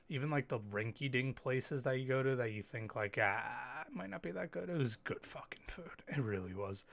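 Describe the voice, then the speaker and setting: A man hosting a casual solo podcast, telling stories in an animated way, swearing freely, a little sick with an occasional cough. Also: medium pitch. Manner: animated storytelling, swears freely, quick asides. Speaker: podcast host.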